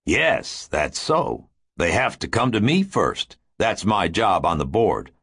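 A man voicing a surly, cold-hearted grown man who talks low and mutters. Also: big pitch swings, slow, a bit bright, slightly rough, dry recording, studio quality, heavily acted. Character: surly, cold-hearted male weapons expert.

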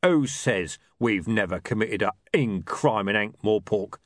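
A man voicing a loud, coarse, swearing male thug, blunt and forceful, in an audiobook. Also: fairly high pitch, big pitch swings, moderate pace, no echo, studio quality, voice pushed up. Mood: gruff.

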